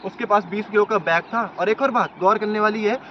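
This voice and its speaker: A man's voice: sits high, brisk. A young man vlogging outdoors, laying out his points one by one in an argumentative commentary. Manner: argumentative, makes points in a row. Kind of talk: commentary vlog. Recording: slightly dull lo-fi sound with faint noise.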